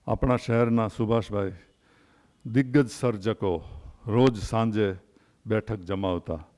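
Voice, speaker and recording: An older man in his sixties speaks at a literary gathering. He tells stories and anecdotes in a measured, unhurried way and pauses between phrases. His voice sits at an ordinary, mid-range pitch for a man. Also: a little mellow. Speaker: invited speaker at a literary event.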